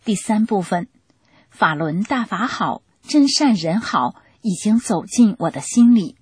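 A woman reading a testimony aloud in a steady, plain storytelling way. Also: medium pitch, a little slow, breathy edge, dry recording.

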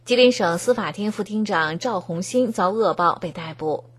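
A woman reading scripted news narration in an even, formal tone. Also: medium pitch, moderate pace, slightly rough. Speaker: news reader.

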